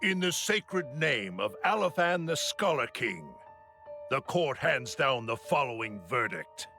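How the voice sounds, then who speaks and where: An actor voicing a solemn presiding judge in a video game, with slow, ceremonial delivery. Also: male voice, medium pitch, very animated, creaky, pushed and bright, soft background music, heavily acted.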